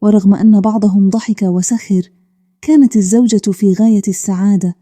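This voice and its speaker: A woman narrating a calm bedtime story in a steady, even way. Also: mid-range voice, a little fast, no room sound.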